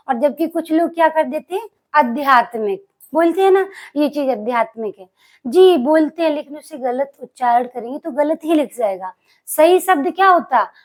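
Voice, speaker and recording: A woman teaching an exam-prep spelling lesson, who asks the class questions and answers them herself and slowly stretches out the key words she stresses. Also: high voice.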